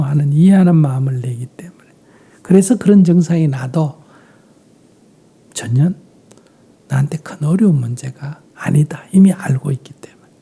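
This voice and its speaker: A man with a Gyeongsang Korean accent, a Buddhist monk calmly answering questions in a dharma talk, often trailing off into a breathy half-whisper. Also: a little high.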